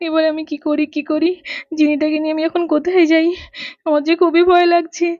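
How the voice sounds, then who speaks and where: Woman playing a fussing young mother, high-voiced. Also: level tone, fairly quick, a little mellow, dry recording, close to an everyday voice. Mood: panicked. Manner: fussing, motherly, talks to herself. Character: young mother, caring and easily frightened. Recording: dull lo-fi dry recording.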